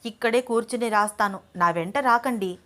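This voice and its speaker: A woman's voice: on the high side, normal speed, fairly bright tone, close to an everyday voice. A woman voicing a headstrong young wife and student who answers back in a pouty, defiant way. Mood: sulky.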